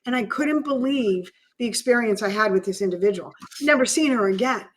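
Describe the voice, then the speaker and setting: A woman with a slightly high voice tells a personal story as a podcast guest. She speaks earnestly and with feeling, often restarting her sentences as the memory moves her. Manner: earnest, emotional, halting restarts.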